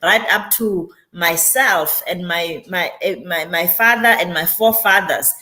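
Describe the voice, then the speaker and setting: Speaking at a measured pace in a fairly low, sharp voice, a community developer and author reflects as an interview guest. She's emphatic, repeating phrases for weight.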